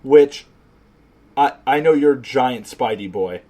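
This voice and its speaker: A man's voice: mid-range voice, lively intonation, unhurried, dark tone. A man in his twenties from Chicago, co-hosting a casual podcast chat, rambling and swearing, with lots of fillers. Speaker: podcast co-host.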